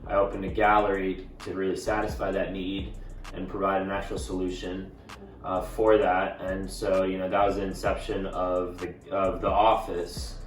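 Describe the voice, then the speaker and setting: A man in his thirties from Italy, an art collector and gallery owner, talking in a casual, halting way and often saying "you know". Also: sits low, little pitch movement, a little hiss or hum. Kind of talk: casual interview monologue. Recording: roomy sound from a distant mic with faint music.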